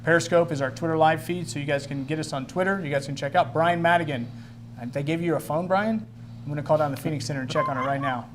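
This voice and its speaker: A man's voice: on the high side, fast, slight background noise. A man hosting a live ministry talk show in a chatty, easygoing way, joking with his crew. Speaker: host.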